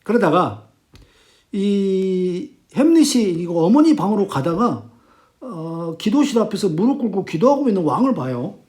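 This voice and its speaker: A man teaching literature, retelling a play's plot in animated storytelling and acting out the quotes. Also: high voice, a little slow.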